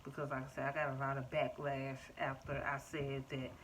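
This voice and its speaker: A woman in her thirties giving a casual, chatty update to her viewers, filling pauses with "um" and "like" and calling them "y'all". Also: a bass voice, flat delivery, slight background noise, poor audio. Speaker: vlogger. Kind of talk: casual personal update to camera. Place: home.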